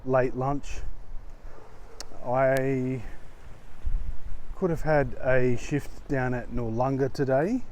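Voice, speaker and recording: Slow-talking Australian man, wind on mic. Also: medium pitch, fairly even intonation, darkish tone. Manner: halting, unhurried. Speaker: vlogger. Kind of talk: casual rambling vlog talk. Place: outdoors, walking in a street in strong wind. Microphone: lavalier mic. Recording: wind on mic, gusty noise. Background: blustery wind.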